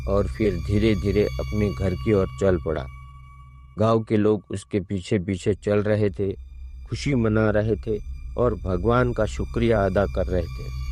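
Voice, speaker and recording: A man narrating a scripted horror story in a measured, ominous way. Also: fairly low pitch, warm tone, a little hiss or hum. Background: faint music.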